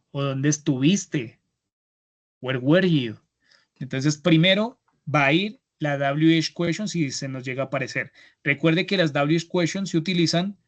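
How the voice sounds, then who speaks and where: Colombian man teaching English online. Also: on the high side. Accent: Colombian Spanish. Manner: patient, repeats words, slow model phrases. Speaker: English instructor. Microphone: computer mic on a video call. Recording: lo-fi video call audio.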